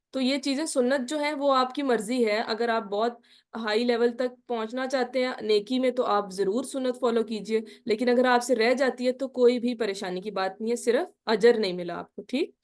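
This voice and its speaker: Woman, religion teacher, fairly high voice, asks questions, careful slow recitation. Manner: quizzing listeners with repeated "ٹھیک ہے؟" checks. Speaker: Islamic studies teacher. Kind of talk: online lecture on prayer.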